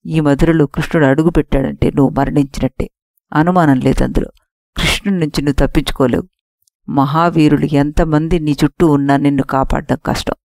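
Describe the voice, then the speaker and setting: A woman voicing an angry elder nobleman who scolds a tyrant king in a forceful manner, in an audiobook story. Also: low voice, fairly even intonation, brisk, vocal fry, dry recording, clean studio sound. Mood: warning.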